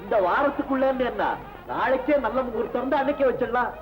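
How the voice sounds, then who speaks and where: A man's voice: very high-pitched, fast talker, music in the background, rough recording. An actor playing a brash young village man who fiercely protects his sister, defiant and mocking in a 1960s film. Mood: earnest.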